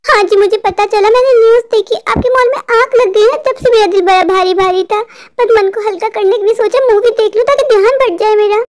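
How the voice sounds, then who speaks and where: Cartoon wife, dutiful and soothing, played by a woman, high bright register. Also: fairly even intonation, a little fast. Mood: explaining. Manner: gentle, deferential, reassuring. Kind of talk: cartoon voice acting.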